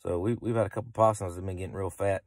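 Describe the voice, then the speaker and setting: Man, low voice, dry close phone sound, rambling casual vlog chat. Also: fairly even intonation, very fast, no echo. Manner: easygoing, rambling with restarts. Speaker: vlogger. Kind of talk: casual explanation to camera. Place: parked car at night. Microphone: phone camera held close.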